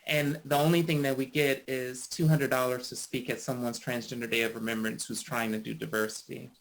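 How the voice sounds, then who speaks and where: A man's voice: medium pitch, flat delivery, a little fast, gravelly, rough recording. A man speaking as a panelist in a discussion, earnest and impassioned, often restarting phrases.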